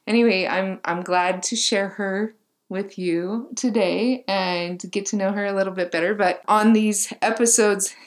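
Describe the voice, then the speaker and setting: A woman's voice: medium pitch, fairly even intonation, measured pace. A woman hosting a faith podcast, talking casually with lots of fillers and gushing praise for her guest. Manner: warm, gushing, filler-heavy with many "like"s. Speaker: podcast host.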